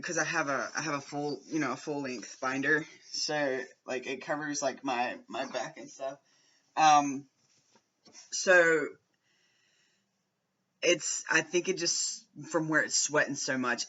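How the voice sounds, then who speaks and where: Bright-voiced young man rambling on camera. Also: a little high, highs cut off. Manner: rambling, frequent fillers and self-corrections, throat clearing. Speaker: vlogger. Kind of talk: casual vlog to camera.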